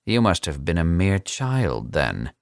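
A man's voice: low voice, sing-song, no echo, studio quality, exaggerated voice. Man playing a suave, cold older captor. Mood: condescending. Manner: smooth, unhurried and condescending.

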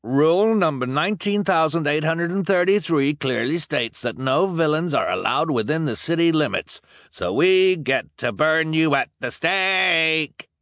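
A man's voice: on the low side, huge pitch swings, measured pace, hardly any pauses, bright, forceful tone, no echo, clean studio sound, full character voice. A man voicing an eager, bloodthirsty townsman who gloats triumphantly. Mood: gloating.

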